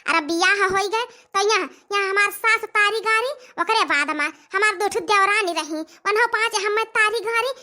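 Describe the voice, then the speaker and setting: A cartoon old mother-in-law from an Awadhi village, as a performer puts her on, bitter and bossy, ranting without pause. The voice sits very high and cuts through bright and sharp. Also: exaggerated voice. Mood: complaining. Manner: scolding, complaining rant. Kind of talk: cartoon comedy voice acting.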